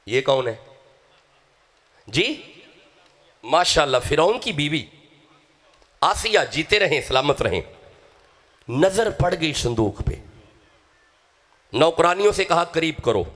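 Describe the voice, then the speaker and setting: A man's voice: a little high, sing-song, long pauses, a bit bright. A man from Pakistan with a Punjabi accent, preaching an emotional sermon, dramatic and urging his audience to respond.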